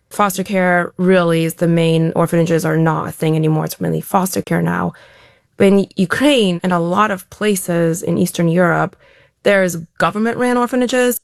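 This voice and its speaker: A woman's voice: lowish voice, vocal fry, dry recording, studio quality. A woman answering interview questions as an elite athlete guest, talking in a reflective, open way with frequent restarts.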